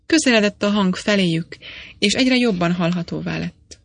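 A woman narrating an audiobook in a steady, measured reading. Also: fairly low pitch, creaky, no room sound. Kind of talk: scripted narration.

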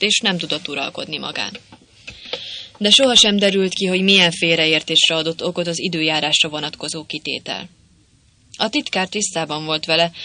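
An audiobook narrator reading a comic story in a clear, even storytelling manner. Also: mid-range voice, dry recording. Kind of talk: scripted narration.

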